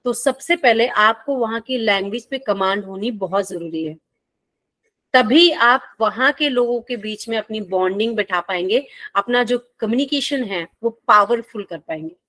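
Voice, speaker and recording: A woman's voice: on the high side, normal speed, pushed and bright, no room sound. Friendly Hindi-speaking woman teacher. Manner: friendly, playful teaching with call-and-response questions. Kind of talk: classroom lecture.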